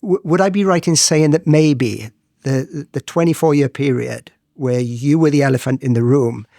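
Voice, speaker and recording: A middle-aged man with a Welsh Valleys accent, interviewing reflectively in a halting, tentative way with repeated words. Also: medium pitch, warm tone, no room sound, studio quality. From south Wales valleys. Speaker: interviewer, host.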